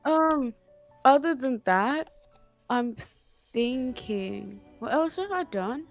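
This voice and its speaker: A woman's voice: high-pitched, lively intonation, slow pace, soft background music. A young woman in a casual podcast chat, telling stories in a laid-back, dry way.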